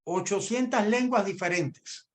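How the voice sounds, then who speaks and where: A man hosting a live talk show, presenting facts in a measured, informative way. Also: sits high. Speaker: host. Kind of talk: casual talk-show conversation.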